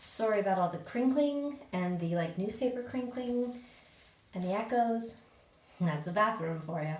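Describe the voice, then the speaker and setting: A woman's voice: medium pitch, lively intonation, moderate pace, a little mellow, slight background noise. A woman vlogger chatting casually to viewers in a conversational way, recorded in an echoey bathroom. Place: small indoor bathroom. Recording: echoey bathroom, distant mic.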